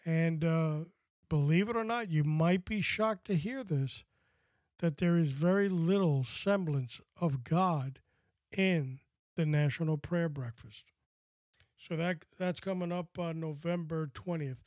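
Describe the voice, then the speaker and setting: A man's voice: a little high, unhurried, darkish tone, dry recording, clean studio sound. An American man hosting a podcast in a casual, folksy, wordy way. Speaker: podcast host.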